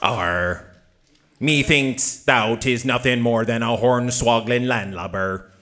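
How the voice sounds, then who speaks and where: A man voicing a mutinous male pirate robot who talks in gruff pirate speech. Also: medium pitch, slow, sharp tone. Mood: grumbling.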